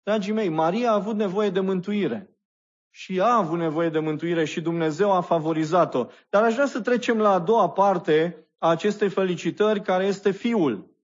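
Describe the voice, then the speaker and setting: A man preaching a sermon in a high, light voice, speaking straight to his congregation and slowing down on the words he wants to stress. The recording sounds dull and lo-fi. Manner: addresses the congregation warmly, tells anecdotes, slows down for emphasis. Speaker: pastor.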